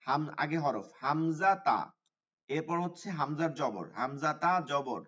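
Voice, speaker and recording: A man's voice: fairly high pitch, expressive, a bit bright. Man teaching Quran recitation in an online class. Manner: explains slowly, drawn-out recitation examples. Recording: dull sound from away from the mic.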